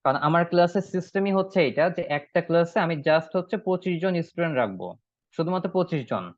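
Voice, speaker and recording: A man with a slightly high voice teaches an online class, walking through points one by one and repeating short phrases slowly so students can copy them. The sound is dry and a little dull, like a video-call mic. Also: animated, no room sound. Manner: explains step by step, repeats phrases slowly for drilling. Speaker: spoken English teacher.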